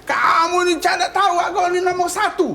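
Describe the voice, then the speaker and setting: A young woman with a Palembang accent playing a loud, scolding parent searching for their children in a comedy sketch. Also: very high-pitched, fairly even intonation, fairly quick, roomy sound, over a noisy crowd. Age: young adult. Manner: shouty, scolding, laughing. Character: loud fussy parent looking for their kids. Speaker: student actor in a TV comedy sketch. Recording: stage with loud audience noise.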